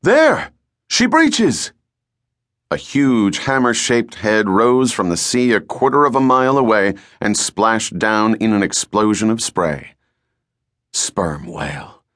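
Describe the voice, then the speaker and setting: A man with a fairly low, slightly bright voice narrates a novel as a professional audiobook reader. His scripted reading is measured and deliberate with a dramatic storytelling feel. The recording is very dry, with no room sound at all.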